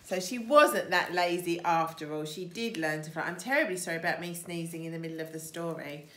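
A woman head teacher reading a picture book aloud to children in an expressive, sing-song way. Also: lowish voice, brisk, a little hiss or hum.

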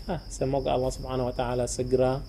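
Casting: young Palestinian man, Arabic-accented foreigner speaking Indonesian, earnest and conversational, mellow tone, faint noise behind. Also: mid-range voice, flat delivery, quick pace. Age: young adult. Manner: foreigner speaking Indonesian, somewhat non-fluent phrasing. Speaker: guest. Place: living room sofa.

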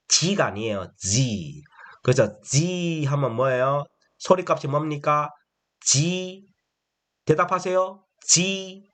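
A man's voice: on the high side, fairly bright tone. A man teaching a phonics lesson to older learners, asking questions again and again and pushing out each letter sound for them to repeat. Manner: slow, repetitive call-and-response questioning; prompts answers with emphatic letter sounds.

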